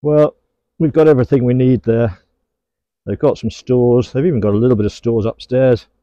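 An English beekeeper, middle-aged, keeps up a relaxed commentary as he handles his garden beehives, talking fondly to the bees. He speaks in a warm, mid-range voice at a moderate pace. The recording is dry, with the highs rolled off.

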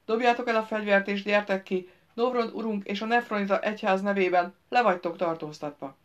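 A woman reading an audiobook and voicing a stern male knight who shouts orders from outside. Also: medium pitch, highs cut off, lightly acted. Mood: commanding.

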